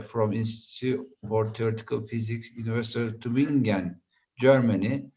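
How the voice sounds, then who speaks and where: Halting man on a video call. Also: medium pitch, darkish tone. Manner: halting, with many hesitations and fillers. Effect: heard over a video call. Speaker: conference session chair. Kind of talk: moderating an online conference session. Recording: dull video-call audio.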